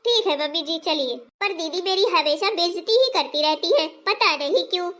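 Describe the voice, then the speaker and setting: A woman's voice: very high-pitched, normal speed, fairly bright tone. A woman doing a meek young daughter-in-law. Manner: plaintive, defensive. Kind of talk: cartoon family story voice acting.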